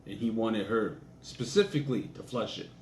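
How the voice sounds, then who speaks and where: A man's voice: on the low side, animated, normal speed. A young man casually telling a crude personal anecdote in a laid-back, profane way. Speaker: storyteller. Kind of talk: casual storytelling. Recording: echoey room with faint ambient noise.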